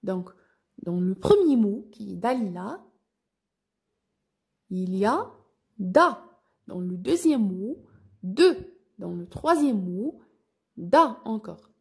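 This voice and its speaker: A woman teacher with a North African French accent, giving a slow phonics lesson for children and carefully spelling out each syllable. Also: mid-range voice, sing-song, creaky, husky.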